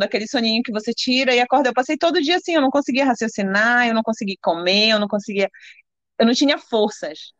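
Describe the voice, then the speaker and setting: Telling a personal story as an interview guest, this Brazilian woman speaks with a fairly high pitch and a Brazilian Portuguese accent. Breathless, she restarts her sentences again and again and performs the quotes she relates. The sound is dull and lo-fi, without any room sound.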